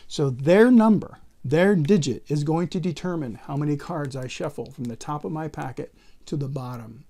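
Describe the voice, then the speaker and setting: A man's voice: fairly high pitch, normal speed, gravelly, dark tone. A man talking in casual card magician patter, explaining and counting aloud step by step like a tutorial presenter.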